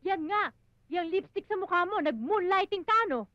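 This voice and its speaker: A woman's voice: very high voice, animated, fast talker. An actress playing a jealous young girlfriend, accusing and nagging, in dull old film audio with music.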